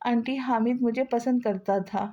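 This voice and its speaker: A woman's voice: a little high, steady tone, normal speed, warm tone, lightly acted. A woman voicing a young woman on the phone, tearful and pleading for help. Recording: slightly dull lo-fi sound.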